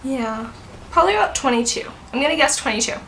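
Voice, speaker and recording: A woman in her twenties chats through a storytime vlog. She rambles and leans on "like". Her voice sits a little high and has a bright, sharp edge, with a faint hiss behind it. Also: animated, fast talker. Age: 20s. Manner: chatty, rambling, heavy use of "like". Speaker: vlogger.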